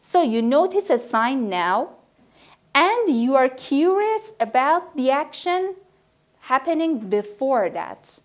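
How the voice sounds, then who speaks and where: Slow, patient woman teaching grammar. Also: sits high, sing-song. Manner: slow, repeats example sentences, checks in with "okay?". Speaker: English teacher. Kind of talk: grammar lesson.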